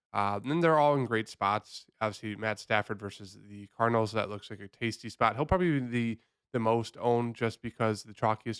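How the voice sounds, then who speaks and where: A man's voice: fairly low pitch, a bit bright, clean tone, no room sound, clean studio sound. A man who sounds sick, hosting a casual fantasy football picks breakdown in a loose, rambling, conversational way. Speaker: fantasy sports host.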